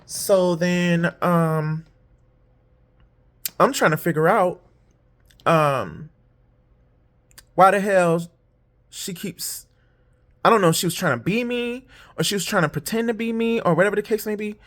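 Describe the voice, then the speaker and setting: Unhurried and pausing often, a weary woman yawns her way through a long, frank storytime monologue full of swearing while applying false eyelashes. Each time she quotes another person, her voice jumps high.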